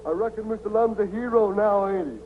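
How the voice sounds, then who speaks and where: An actor playing a dim, obedient young country helper with a drawl, in 1940s film comedy. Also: male voice, sits high, natural voice. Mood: worried. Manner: slow, dopey, dutiful. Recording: tinny, hissy 1940s film soundtrack.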